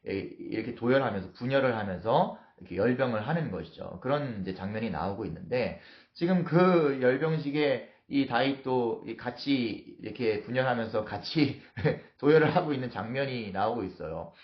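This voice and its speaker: A man's voice: mid-range voice, expressive, moderate pace, few pauses. A male pastor preaching a morning devotional, telling the story vividly and acting out its scenes. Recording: roomy, dull lo-fi sound.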